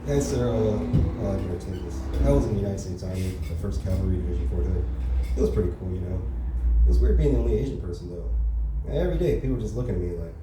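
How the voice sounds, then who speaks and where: An LA-area stand-up comedian with a low, animated voice fires off a crude, fast open mic set, dropping filler tags like "you know" and "right." The recording catches him from a distance on a club stage, echoey and noisy.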